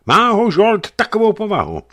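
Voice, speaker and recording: A man's voice: high voice, huge pitch swings, sharp tone, voice pushed up, heavily acted. A man reading aloud and voicing a younger naval officer who speaks mildly but stands his ground bluntly. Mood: defiant. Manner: mild, then blunt and cold.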